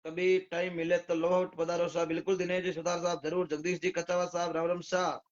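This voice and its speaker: A fairly quick-talking devotional singer with a Rajasthani accent runs a live stream, casually welcoming viewers in turn and thanking each one by name. His voice is hoarse and somewhat high, and the dull, lo-fi audio seems phone-streamed.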